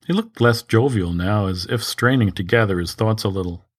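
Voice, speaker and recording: A man with a fairly low voice reads a crime story aloud. His delivery is measured and even, with light shifts for each character in the dialogue. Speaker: narrator. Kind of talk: scripted narration of a crime story.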